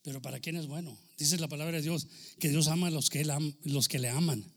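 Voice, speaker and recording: A pastor delivers a sermon in a gravelly, fairly high voice. He is a man who swings from ringing exclamations down to quiet asides, slipping the odd English phrase into his preaching. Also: fairly quick.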